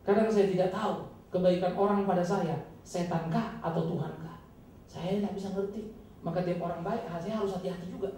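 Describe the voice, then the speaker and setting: A male pastor giving an emphatic, dramatic sermon with sudden loud, high bursts, recorded from a distance in a church hall. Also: steady tone, brisk. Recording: echoey hall, distant mic, faint noise.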